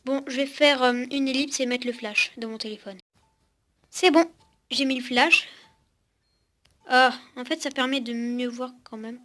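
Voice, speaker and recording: A woman's voice: high-pitched, steady tone, measured pace, pauses often, a bit bright. A young woman casually showing off a toy robot at home, chatting with it and with her viewers. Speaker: vlogger demonstrating a toy robot. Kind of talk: casual unboxing-style demo. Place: at home with a cat on her lap. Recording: noisy home recording.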